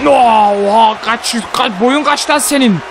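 A man hosting a gaming channel, giving excited live commentary on a wrestling match, trash-talking his opponent and shouting out pin counts. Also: very high-pitched, slow pace, heavy background noise.

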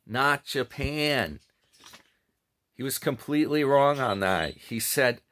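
Recorded close up on a webcam or phone, a middle-aged commentary vlogger chats from a small home room about another channel's videos. He has a medium-pitched, fairly bright voice and rambles, often correcting himself.

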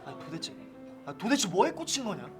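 An actor playing a gruff, exasperated young man in a romantic comedy film, blunt and grumbling. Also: high-pitched, sing-song, brisk. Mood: irritated. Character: exasperated, gruff young man looking after a drunk girl. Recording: film scene with music and rain behind.

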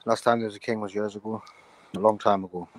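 A young male rapper from the United Kingdom, appearing as a guest, answers interview questions over a video call. His lowish voice has little pitch movement and moves fast, and he mumbles, often saying "you know what I'm saying".

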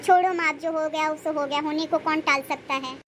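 A meek cartoon wife who can't have a child. her voice sits high and sounds tearful and resigned, as if always about to plead. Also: fairly even intonation, fairly quick, fairly bright tone, slight background noise. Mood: sad, resigned. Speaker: cartoon character.

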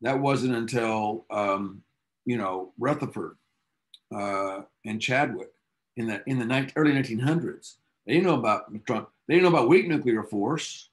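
A man's voice: mid-range voice, moderate pace. A male physics teacher lectures his class with a mid-range voice. He tells science history in an eager, chatty way, tossing in casual asides as he goes. The sound suggests a classroom. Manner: enthusiastic storytelling, casual asides.

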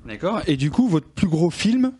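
A man's voice: on the high side, very animated, normal speed, mellow. A man hosting a casual radio interview, talking hesitantly with many restarts.

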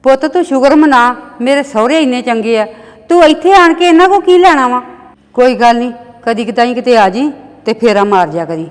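A woman's voice: fairly high pitch, brisk, big-room sound, lightly acted. A middle-aged woman with a Punjabi accent acting a soothing, motherly mother on a phone call.

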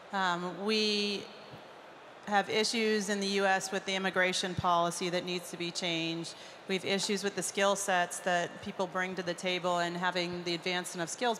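Flat, bright-toned woman panelist. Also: lowish voice. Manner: direct, matter-of-fact, decisive. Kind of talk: conference panel discussion. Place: large conference hall stage. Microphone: handheld microphone. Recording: reverberant hall with faint noise.

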